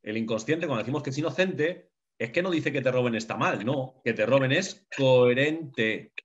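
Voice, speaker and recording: A man's voice: medium pitch, animated, normal speed. A man giving an emphatic teaching talk to a group, repeating key phrases and often checking in with his listeners. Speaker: lecturer on the unconscious. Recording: dull lo-fi recording.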